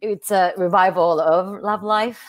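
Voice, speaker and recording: A woman's voice: medium pitch, fairly even intonation, measured pace. Giggly Japanese-accented woman. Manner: friendly, giggly, searching for words. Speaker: guest performer. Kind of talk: casual interview chat.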